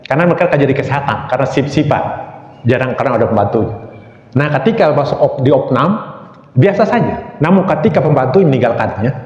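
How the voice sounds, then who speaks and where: Indonesian preacher in an echoey hall. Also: male voice, medium pitch, expressive, fast talker, a little mellow. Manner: storytelling, acting out quoted dialogue. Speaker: ustadz preacher. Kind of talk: dawn mosque sermon. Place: mosque hall. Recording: echoey hall, dull lo-fi sound.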